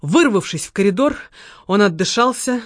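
Lady reading a novel aloud, calm and measured, dry close sound. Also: mid-range voice, no room sound. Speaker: audiobook narrator. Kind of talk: scripted narration.

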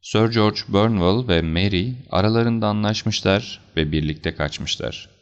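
A man voicing a calm, assured detective who explains things in a measured, slightly stern way, for an audiobook. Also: on the low side, smooth, pitched above the performer's own voice, lightly acted. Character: calm, assured male detective, cool and deliberate. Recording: slightly dull lo-fi recording.

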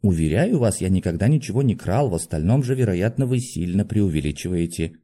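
A man voicing a meek, gentle middle-aged male doctor who speaks softly and apologetically. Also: deep voice, animated, a little fast. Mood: placating. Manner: soft-spoken, apologetic.

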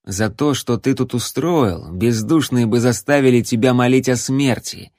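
A man voicing a cold, restrained male assassin with a flat, chilly delivery. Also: medium pitch, normal speed, dry recording, clean studio sound, close to an everyday voice.

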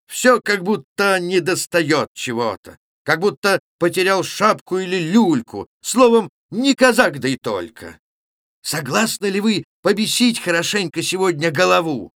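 A male narrator voicing a burly young village reveller who loudly rouses his friends. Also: fairly high pitch, no room sound, clean studio sound, pitched above the performer's own voice. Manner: loud, swaggering, stirring up a crowd.

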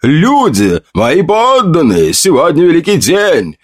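A proud ruler makes a grandiose proclamation to his people through a megaphone, as a male narrator puts him on. The voice is pushed well above the narrator's own low register and swings widely in pitch. It sounds dry and close, like an audiobook reading. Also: wildly swooping pitch, slow, dry recording, full character voice. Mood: triumphant.

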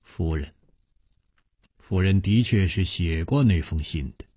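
A male storyteller reading as a proud, level-headed swordsman in a spoken story. The voice is low and husky, slow and measured, in a dry close sound. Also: animated, dark tone, no echo, heavily acted. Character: calm, proud young swordsman hero. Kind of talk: storytelling broadcast.

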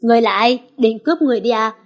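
A woman's voice: on the high side, normal speed, close to an everyday voice. A woman reading the lines of a scheming, mocking old male villain in a storybook. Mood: taunting. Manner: taunting, cold.

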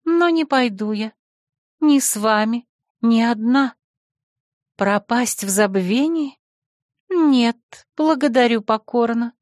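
A woman voicing a gentle but firm-willed young woman in an audiobook reading. She speaks in an old-fashioned, resolute way. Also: fairly high pitch, no echo, studio quality, pitched above the performer's own voice.

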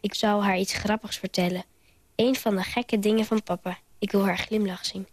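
A woman's voice: mid-range voice, flat delivery, moderate pace, no room sound, lightly acted. An actress voicing an earnest young girl who thinks tenderly about her mother, in a radio drama. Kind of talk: radio drama inner monologue.

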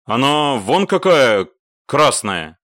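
A man's voice: mid-range voice, animated, a bit bright, no echo, clean studio sound. A man voicing a shy, gloomy male machine gunner in an audiobook. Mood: sullen. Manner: slow, sullen.

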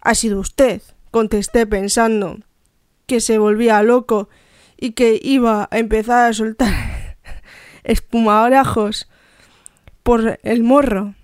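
A woman reading a novel aloud for a radio programme in a measured, deliberate way. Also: on the high side, steady tone, clear, resonant tone, no room sound, studio quality. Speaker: radio reader. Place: radio studio.

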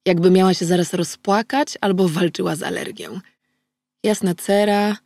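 Low-voiced woman narrating an audiobook. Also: dry recording. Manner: steady, measured storytelling. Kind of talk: first-person audiobook narration.

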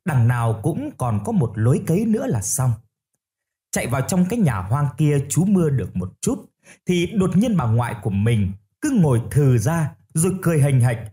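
A man telling a family ghost story in the first person, in a steady, storytelling manner. His voice is warm and mellow. The pitch moves lively with the tale. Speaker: audio story narrator.

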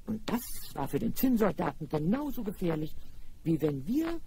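A man narrating a fairy tale for children in a radio play, lively and speaking directly to the listeners. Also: a little high, moderate pace, a little hiss or hum.

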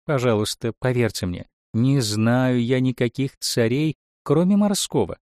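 A man voicing a tearful young mermaid who whines and pleads, raising his voice high. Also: moderate pace, darkish tone, no echo, clean studio sound, lightly acted. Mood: pleading. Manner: whiny, pleading.

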